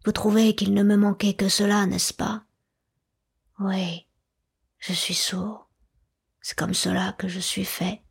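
A humble, sorrowful deaf hunchback speaks in a hushed, half-whispered way, as a woman reads him aloud. The voice is very breathy and airy, held in a flat, narrow tone. It belongs to a classic storybook read aloud. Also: mid-range voice, slow, pauses often, full character voice. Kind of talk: audiobook reading of a classic novel.

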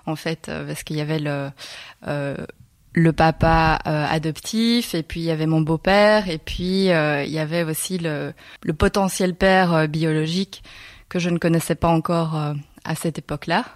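A Belgian woman in her thirties, speaking as a guest in a personal storytelling interview, has a low, reflective voice. She pauses often to find her words, and the recording is dry.

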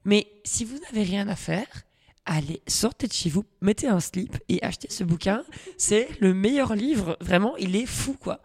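A woman comics author talking on a podcast in a chatty, playful way, cracking jokes and throwing in asides. Her pitch sits in the middle of the range. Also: moderate pace, slightly rough. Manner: lively and joking, chatty asides. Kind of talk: podcast interview.

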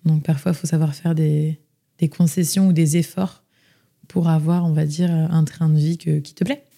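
A woman's voice: sits low, little pitch movement, normal speed, gravelly, dark tone. A young woman from France telling her personal story as an interview guest, chatty, with many fillers and restarts. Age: young adult.

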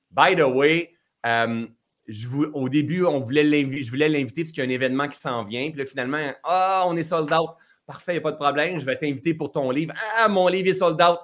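A man's voice: mid-range voice, fairly bright tone. A man with a Québécois accent hosting a live-streamed interview, chatty and teasing, talking over a video call. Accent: Québécois French. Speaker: host.

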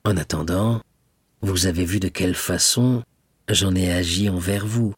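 A man's voice: medium pitch, very animated, slow pace, darkish tone, no echo. A guy doing a nervous scheming magistrate, huskyish voice, dry sound, snaps orders. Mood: guarded, formal. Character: anxious scheming male magistrate.

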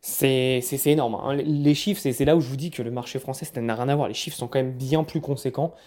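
Casual French vlogger, dark mellow voice, rambling with frequent restarts. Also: male voice, medium pitch, fairly even intonation, a little fast. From France. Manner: chatty, stumbles and repeats words. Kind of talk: casual recap vlog.

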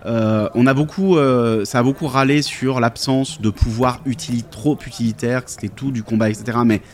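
A man's voice: mid-range voice, steady tone, normal speed, darkish tone. A man talking casually about tabletop role-playing games, thoughtful and hesitant with many fillers.

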